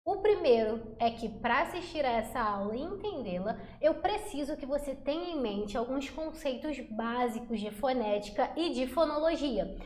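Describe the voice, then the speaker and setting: Bubbly high-voiced woman teaching grammar. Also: normal speed, roomy sound, slight background noise. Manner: chatty, energetic, calls viewers "meu amor" and "galerinha". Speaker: Portuguese teacher. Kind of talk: upbeat online grammar lesson.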